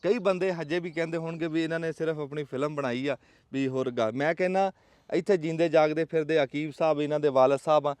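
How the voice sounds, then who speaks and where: A man's voice: on the high side, steady tone, quick pace, a little mellow, clear, resonant tone, no echo. A man with a Pakistani Punjabi accent hosting a casual vlog in an emphatic, rhetorical, folksy storytelling way. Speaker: vlog host. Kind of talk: casual outdoor vlog talk.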